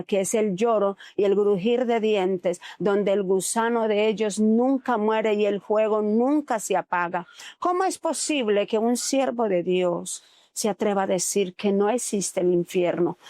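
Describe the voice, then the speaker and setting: A woman gives a religious testimony in an earnest, preaching manner. Her voice sits at an ordinary middle pitch, and she often pauses on hesitant fillers. The recording is close and dry, with no room sound. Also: darkish tone, dry recording. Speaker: testimony speaker.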